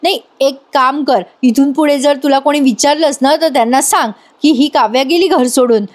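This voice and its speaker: A woman voicing a young married woman who is upset and defiant, speaking in sharp complaining bursts while retelling a TV serial. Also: high-pitched, normal speed, lightly acted. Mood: angry.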